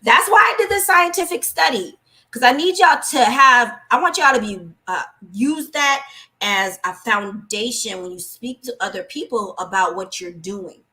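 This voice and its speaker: A woman speaking on a live stream, giving an inspirational spiritual talk and breaking into gentle singing. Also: a little high, lively intonation, normal speed. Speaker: guest speaker.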